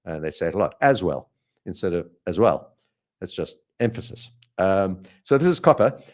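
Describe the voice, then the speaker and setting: A man's voice: deep voice, big pitch swings, brisk. A man with a South African accent giving live trading commentary over charts, thinking aloud with frequent ums and self-corrections. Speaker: trader hosting a live market stream.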